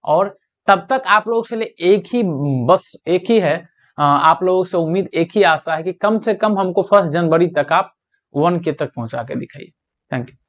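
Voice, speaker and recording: A man's voice: sits high, expressive. Bihari guy teaching exam prep, asks and answers his own questions, drags out the english lines, kinda muffled lo-fi sound. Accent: Bihari Hindi. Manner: explains step by step, asks questions and answers them himself; drawls English question text slowly. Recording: dull lo-fi sound.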